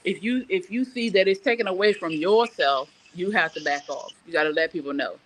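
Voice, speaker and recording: On a low-quality recording, a middle-aged woman speaks a little fast in a fairly low voice. She hosts a relaxed live morning show, offering blunt, emphatic advice, reading comments from viewers and sharing stories from her own life.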